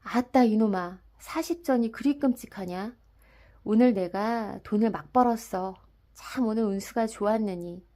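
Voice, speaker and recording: A woman voicing a drunken, boastful middle-aged rickshaw puller who shouts roughly at everyone in an audiobook of a classic story. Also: mid-range voice, measured pace, natural voice. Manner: loud, rough, blustering shouts. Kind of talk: dramatic audiobook reading.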